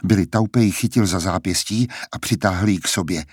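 A man reading a novel aloud as an audiobook narrator, steady and even. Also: low-pitched, breathy edge. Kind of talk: scripted narration.

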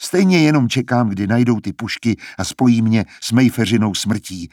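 A man's voice: medium pitch, a little mellow, no echo, clean studio sound, lightly acted. A man reading aloud, voicing a guarded young man who speaks in a tense, clipped way. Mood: determined.

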